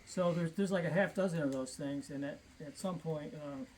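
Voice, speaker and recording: A man speaks in a thin, reedy, somewhat squeaky voice that sits a bit high. He explains things off the cuff like a hobbyist, rambling and pausing as he thinks aloud. There is noticeable noise in the recording. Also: a little mellow, low-quality recording. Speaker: vintage chainsaw hobbyist explaining features. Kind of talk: casual, unscripted explaining and chat.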